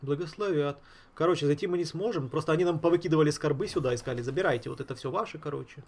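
A man's voice: fairly high pitch, racing, creaky. A man giving casual, slangy gameplay commentary, thinking aloud and repeating himself. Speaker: gaming streamer. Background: game music.

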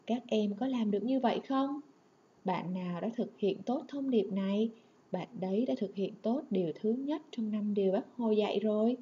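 A woman primary school teacher giving an online lesson, speaking clearly and instructively to young children. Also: mid-range voice, normal speed, mellow, dull audio.

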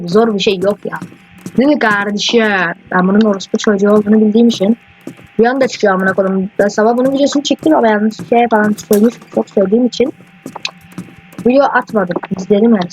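Excitable high-voiced male gamer. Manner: rambling, excitable, swears often at the game. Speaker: gaming YouTuber. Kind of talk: casual let's-play commentary. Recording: dull lo-fi mic with faint hiss.

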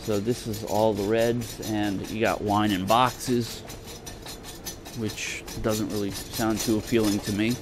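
Walking a large supermarket with a handheld camera, a man narrates a loose shopping vlog from behind the lens, hesitant and drifting into fragments. His voice is fairly low with little pitch movement, he takes it slowly, and store noise comes through clearly.

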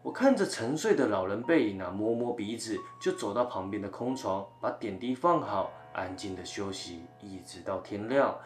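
A man narrating a ghost story as channel host, telling it in a dramatic, animated way. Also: on the low side, normal speed, few pauses. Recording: roomy, faint background music.

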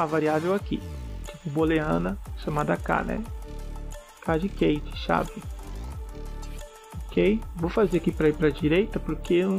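A man talks through a coding tutorial in a relaxed, step-by-step way, often checking in with the listener. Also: fairly high pitch, gravelly. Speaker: programming tutor. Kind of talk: casual screencast coding tutorial.

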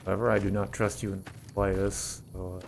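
A man with a low, fairly monotone voice and some vocal fry talks at a normal speed over very noisy audio. He's a gameplay streamer and mod author giving casual commentary on a video game, cheekily addressing the enemies with mock taunts and swearing as he plays.

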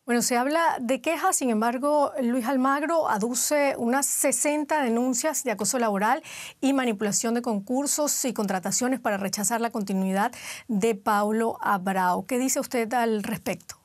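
A woman presenting a news interview in a crisp, formal delivery, reading the introduction and asking the questions. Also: on the high side, moderate pace, no echo.

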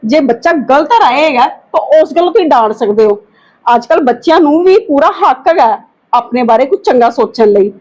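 High-voiced woman, calm and pleading. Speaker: aunt in a family skit. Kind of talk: acted family drama dialogue.

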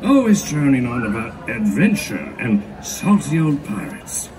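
An actor playing a salty old pirate with the gruff manner of an old fisherman, cheerful and scheming. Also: mid-range voice, big pitch swings, measured pace. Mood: jaunty, grumbling. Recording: distant outdoor playback over music.

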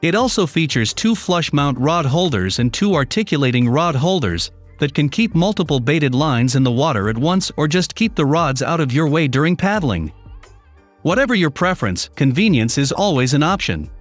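A man giving scripted voice-over narration for a product review, in an even, read-aloud listing delivery. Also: on the high side, moderate pace. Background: faint background music.

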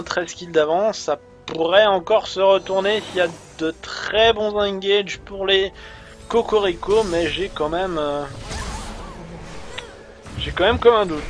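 Give me a male esports caster with a high voice doing halting play-by-play over loud music. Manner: hesitant, many fillers, speeds up on plays. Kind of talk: live game commentary.

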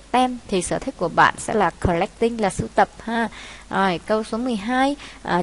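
Woman teacher, Vietnamese accent, mid pitch, halting step-by-step explaining, faint hiss. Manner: unhurried, many hesitations, explains step by step. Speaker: English teacher. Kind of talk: exam walkthrough lesson.

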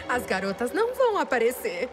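A woman with a Brazilian accent voicing a gleeful, mischievous female cartoon troublemaker who loves chaos, sly and gloating. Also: high-pitched. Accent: Brazilian Portuguese. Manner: sly, gloating, drawn-out delivery. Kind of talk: animated cartoon dubbing. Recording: music behind the voice.

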